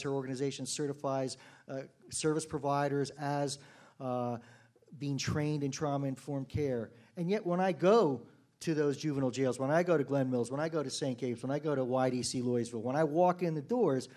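A middle-aged man, a public defender, giving a conference keynote speech, full of restarts and growing heated and animated. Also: a little high. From United States. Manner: frequent uh fillers and restarts, grows heated and animated.

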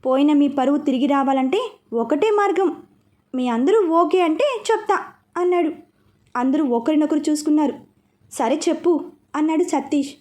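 A woman's voice: high-pitched, normal speed, long pauses, darkish tone. A woman reading a romance novel aloud, narrating it and speaking every character's lines herself. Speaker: storyteller. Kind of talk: audiobook narration.

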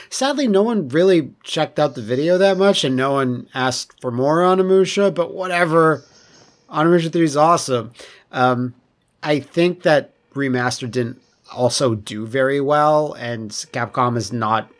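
A man giving casual, excitable and jokey gameplay commentary, swearing freely. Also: a little high. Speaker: host of a video game playthrough. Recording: voice over game music. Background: game soundtrack music.

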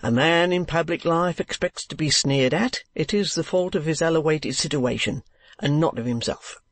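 A man's voice: fairly high pitch, moderate pace, no room sound, natural voice. A man voicing a pompous, solemn Victorian husband who swaps his v's for w's. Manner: pompous, stiffly solemn, says w for v.

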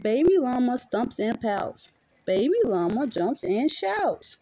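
A mother reads a picture book aloud to her young child in a small, dim bedroom at home, her voice a little high and sing-song with a warm tone. She takes it slowly and playfully, chatting with the child along the way. The recording is dry.

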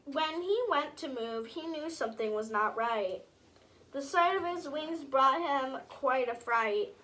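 Woman reading a rhyming kids' book on video, slow, bright, chatting to viewers between pages. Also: high-pitched, a little hiss or hum. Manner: sing-song rhyming, breaks off to talk to viewers. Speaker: storybook reader. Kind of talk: reading a picture book aloud with chatty asides.

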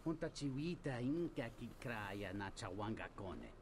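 A man's voice: medium pitch, very animated, normal speed, lightly acted. An actor playing an argumentative alien townsman in a video game, speaking an invented tongue emphatically. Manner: emphatic gibberish speech. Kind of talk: video game creature dialogue. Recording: clear background game noise.

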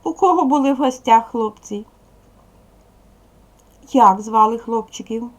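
A woman teaching a primary school class in a recorded video lesson, speaking clearly and patiently straight to the pupils. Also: on the high side, a little slow.

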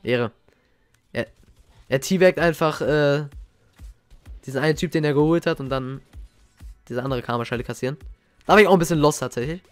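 A young man talks over old gaming clips in an excitable, slang-heavy way, looking back fondly. His voice sits a little higher than most men's. Faint game music plays quietly behind him. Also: a little fast, long pauses, clear, resonant tone, dry recording. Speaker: gaming YouTuber. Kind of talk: casual reaction commentary.

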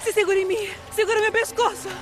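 Frightened survivor, very high Brazilian voice. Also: female voice, little pitch movement, fast talker, noisy background. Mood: desperate. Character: frightened, grateful young female flood survivor. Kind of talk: dubbed action film dialogue.

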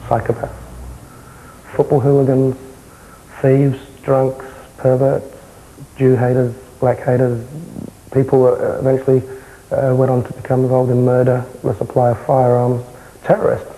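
A young man with a South London accent, answering interview questions in a matter-of-fact, halting way. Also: medium pitch, monotone, dark tone, low-quality recording. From South London, England. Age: young adult. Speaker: interviewee, former far-right insider. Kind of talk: candid television interview. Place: indoor television interview, close camera.

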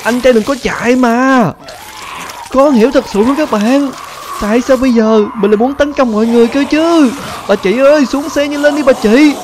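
A man voicing a glitched male zombie demon with a raspy, croaking voice, excitedly exclaiming to viewers. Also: high voice, moderate pace, noisy background. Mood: alarmed.

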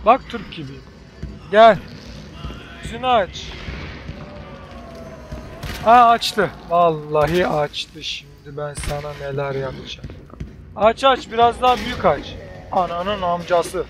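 High-voiced excitable man gaming. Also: slow pace, pauses often, soft background music. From Turkey. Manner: joking, excitable, swears and yells at enemies. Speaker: gaming channel host. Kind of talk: let's play commentary.

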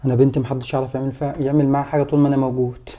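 Actor as a commanding, protective Egyptian father; warm, dark tone, quick delivery. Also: medium pitch, little pitch movement, muffled recording, slight background noise, close to an everyday voice. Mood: indignant. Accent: Egyptian Arabic. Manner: stern, commanding, threatening. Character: protective stern father, adult man. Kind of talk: amateur skit acting.

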